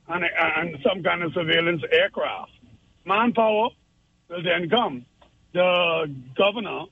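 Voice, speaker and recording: A man's voice: high-pitched, vocal fry, sharp tone, husky, lo-fi sound. A man, calling a radio show and making his points earnestly, with frequent repeats and tag questions like "all right?". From Turks and Caicos Islands. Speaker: radio caller. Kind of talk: call-in opinion.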